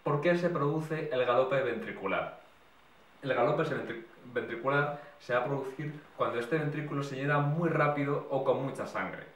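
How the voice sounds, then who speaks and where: A man's voice: medium pitch, moderate pace, fairly bright tone. A man giving a medical exam lesson, explaining step by step and recapping in short lists. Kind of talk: explanatory lecture. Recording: echoey room, mic at a distance.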